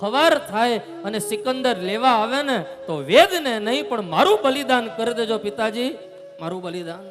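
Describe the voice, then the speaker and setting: A man's voice: high-pitched, a little slow, long pauses. A man with a Saurashtra Gujarati accent voicing a brave young boy who pleads insistently with his father, in a storytelling sermon. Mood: pleading. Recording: reverberant hall with music behind.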